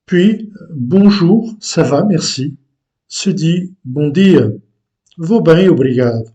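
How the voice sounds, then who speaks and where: Guy teaching a language lesson, slow and halting, dark mellow voice, kinda high for a man. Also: animated, lo-fi sound. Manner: slow and deliberate, with frequent hesitations.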